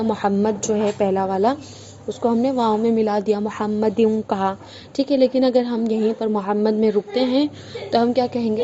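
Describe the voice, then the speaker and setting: Lady teaching a religion class online, asks herself questions n answers them, warm low-key voice, bit of hiss. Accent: Indian Urdu. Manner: explanatory, asks and answers her own questions. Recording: dull lo-fi with faint noise.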